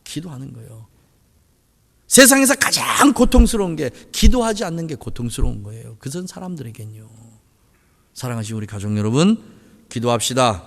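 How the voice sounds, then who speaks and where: A man preaching a sermon as pastor, impassioned, swinging between loud pleading and hushed murmurs. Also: mid-range voice, big pitch swings, a little fast, gravelly, big-room sound. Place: church sanctuary.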